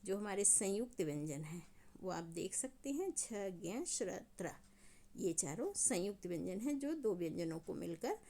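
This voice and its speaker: A woman teacher gives a grammar lesson to young pupils in a patient, step-by-step way. She slows right down to sound out each example. Her pitch sits in a middle range for a woman. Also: sing-song, warm tone. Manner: patient, explains step by step to children. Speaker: school teacher. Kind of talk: online Hindi grammar lesson.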